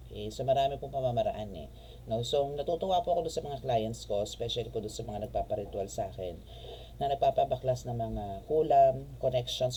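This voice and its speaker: A man's voice: mid-range voice, dark tone, slight background noise. A man giving a casual tarot reading, chatty and polite, full of fillers and respectful asides. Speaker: tarot reader and spiritual healer.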